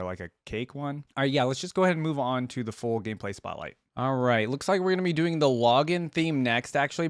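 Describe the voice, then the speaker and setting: A man with a mid-range voice hosts a reaction video, thinking aloud and commenting in an informal, exclamatory way. There's no echo, and a game trailer and theme music play in the background.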